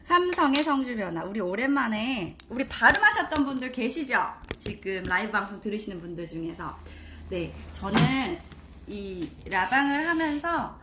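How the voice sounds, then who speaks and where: A woman teaching Chinese pronunciation in a live online lesson, stretching out syllables slowly to demonstrate the tones. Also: fairly high pitch, very animated, reverberant, noisy background.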